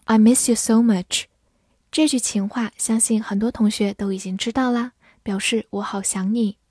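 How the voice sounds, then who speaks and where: A woman teaching English vocabulary in a clear, patient way, repeating each word slowly. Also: on the high side, fairly even intonation, darkish tone, dry recording, studio quality. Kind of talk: vocabulary lesson.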